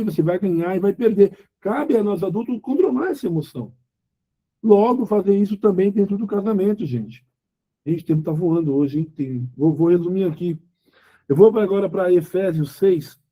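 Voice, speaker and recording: Husky, dark-voiced Brazilian preacher. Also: male voice, sits high, lively intonation, brisk. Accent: Brazilian Portuguese. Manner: conversational, acts out quoted dialogue, rhetorical questions. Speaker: preacher leading a Bible study for couples. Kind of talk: informal sermon.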